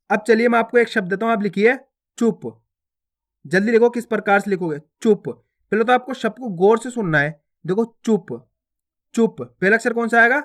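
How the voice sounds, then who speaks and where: A man teaching children to read and write words, sounding each out slowly, repeating it, and asking and answering his own questions. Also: sits high, fairly bright tone. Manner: repeats each word twice, asks and answers himself. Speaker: Hindi reading teacher. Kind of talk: slow, drawn-out word-by-word teaching.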